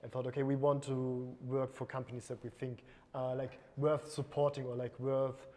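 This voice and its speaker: Mellow-voiced man, casual, in a hall. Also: mid-range voice, flat delivery, moderate pace. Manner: casual, many fillers like "like" and "uh". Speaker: creative director and agency co-owner. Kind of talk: panel talk. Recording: long hall reverb.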